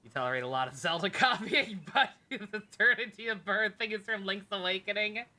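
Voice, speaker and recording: Game music plays behind a woman livestreaming from an indoor streaming setup. Her medium-pitched voice is sharp and fairly quick as she chats casually with viewers, swearing and being wry and sarcastic.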